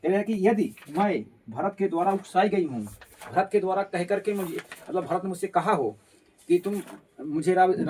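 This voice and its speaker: A man's voice: high voice, dark tone, a little hiss or hum. A male teacher explaining a Hindi poem line by line, repeating and paraphrasing each phrase as he goes.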